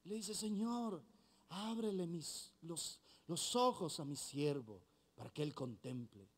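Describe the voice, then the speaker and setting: Colombian male pastor, high lively voice, animated sermon delivery. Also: slow pace. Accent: Colombian Spanish. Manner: animated preaching, acting out dialogue.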